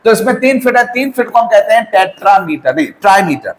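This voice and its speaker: A man's voice: sits high, sing-song, quick pace, echoey room, rough recording. A male teacher giving a lesson, quizzing students and answering his own questions, mixing Hindi with English terms. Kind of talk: classroom lecture.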